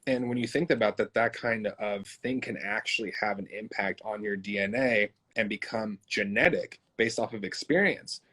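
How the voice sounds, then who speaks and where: A man hosts a conversational interview, talking loosely and animatedly with plenty of fillers. His voice is low and a little husky, and it jumps up when he gets worked up. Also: normal speed, few pauses, sharp tone. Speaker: host.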